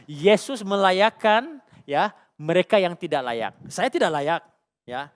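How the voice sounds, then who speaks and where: A man's voice: sits high, big pitch swings, takes it slowly, clear, resonant tone. A middle-aged man with a Malaysian accent preaching a sermon as lead pastor, conversational and full of personal stories, often asking the congregation questions. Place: church stage.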